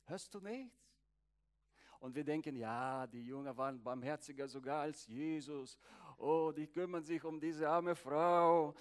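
A man's voice: a little high, fairly even intonation, unhurried, clear, resonant tone. A male pastor preaching a sermon, emphatic and often checking in with "okay?". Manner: emphatic, repeats "okay?" to the congregation.

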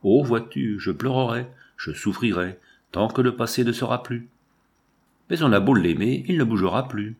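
A man's voice: medium pitch, expressive, normal speed, slightly rough. A man reading the part of an anguished woman who laments aging and death, in a mournful, impassioned recitation.

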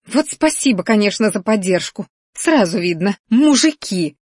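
A woman's voice: fairly high pitch, lively intonation, moderate pace, a little mellow, no room sound, studio quality, pitched above the performer's own voice. A woman voicing a flustered, hot-tempered young female mage in an audiobook, with snappish, indignant outbursts. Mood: angry.

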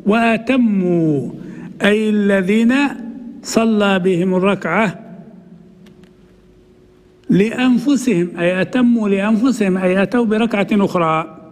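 A man, a sheikh, teaching a classical text lesson, reading passages slowly and then explaining them in a conversational way. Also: high-pitched, darkish tone, big-room sound. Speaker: sheikh teaching hadith commentary.

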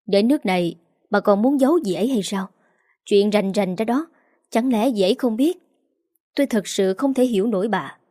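A woman's voice: medium pitch, moderate pace, mellow, no room sound, studio quality, close to an everyday voice. A woman voicing an older husband and father, hissing with anger in a storybook reading. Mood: angry.

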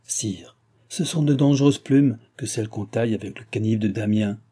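A man's voice: fairly low pitch, moderate pace, mellow, slightly rough. A man voicing a royal police lieutenant who talks in an earnest, deferential way.

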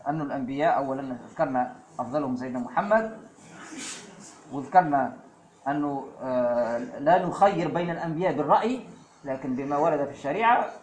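A man giving a religious lesson as a preacher, slowing down to recite verses. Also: medium pitch, a little hiss or hum. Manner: fillers and asides, slows to recite verses. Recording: echoey room with faint ambience.

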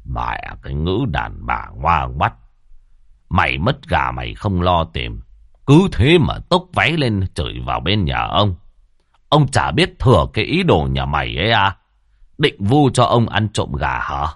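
A man voicing a poor, proud old village man who grumbles in a low, scornful voice. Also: sing-song, a little slow, fairly bright tone, no echo, clean studio sound, heavily acted.

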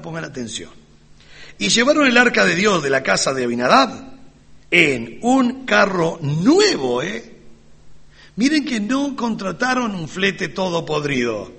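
A man preaches with ironic, sarcastic flair. His voice is bright and a bit high, and it swings widely in pitch. The sermon echoes with a long hall reverb. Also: breathy edge. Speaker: pastor.

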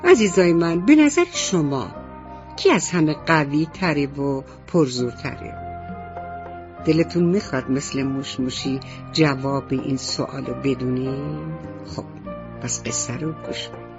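A woman's voice: low-pitched, animated, muffled recording, over music. A woman telling a bedtime story to children on the radio, tender and sing-song.

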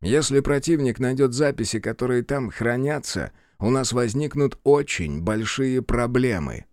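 A man voicing a gruff, short-tempered male general in his seventies who speaks slowly and barks orders in an audiobook. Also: mid-range voice, lively intonation, darkish tone, dry recording, clean studio sound, natural voice. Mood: stern. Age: 70s. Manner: slow, clipped, barking orders.

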